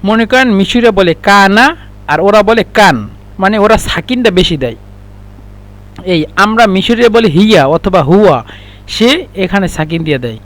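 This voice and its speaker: A man teaching Arabic phrases in a casual spoken lesson, slowly explaining each one and repeating the examples. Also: high-pitched, lively intonation, a bit bright.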